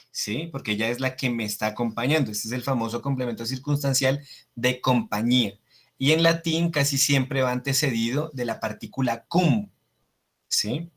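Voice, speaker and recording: A man teaching a Latin class over slides, repeating each Latin phrase slowly and often checking with his students. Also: mid-range voice, a bit bright. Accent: Latin American Spanish. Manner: slow, deliberate, frequent checking questions ("¿sí?").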